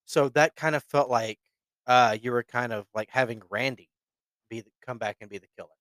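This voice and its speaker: A man's voice: medium pitch, fairly quick, fairly bright tone, no room sound. A man co-hosting a podcast, talking casually and rambling a bit. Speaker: podcast co-host. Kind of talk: casual chat.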